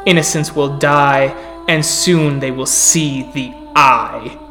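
A man's voice: medium pitch, slow, sharp tone, soft background music. A man voicing a cryptic spirit in a tabletop game, giving portentous rhymed prophecy in a grave manner. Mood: grave warning. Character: cryptic prophesying spirit warning young wolves of doom. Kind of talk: tabletop role-play character acting.

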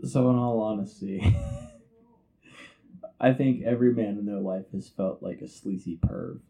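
A man's voice: fairly low pitch, measured pace, vocal fry, warm tone, low-quality recording. A man co-hosting a casual podcast who makes wry, laid-back remarks. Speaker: podcast co-host. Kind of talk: casual chat.

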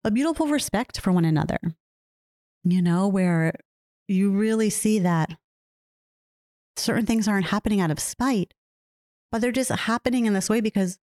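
A woman's voice: medium pitch, warm tone, dry recording, studio quality. A woman hosting a solo podcast, talking earnestly and reflectively, often repeating phrases and asking herself questions. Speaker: podcast host.

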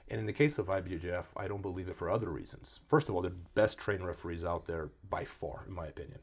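A man who grew up in Brazil talks quickly and emphatically in a casual conversation. His voice sits low and has a husky edge. He acts out quoted lines as he makes his point.

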